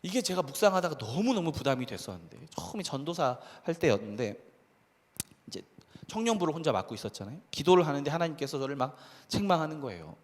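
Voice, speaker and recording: A man preaching a lively, conversational sermon to a youth congregation as pastor. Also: a little high, fast. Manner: animated, conversational preaching with acted quotes and laughs. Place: church hall. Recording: hall reverb.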